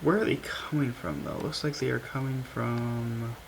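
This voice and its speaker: A man hosting a podcast in a loose, casual chat. He talks haltingly, with plenty of fillers as he works things out, and a faint hiss of noise sits behind him. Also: mid-range voice, animated, vocal fry. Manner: halting, filler-heavy, thinking aloud. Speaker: podcast host.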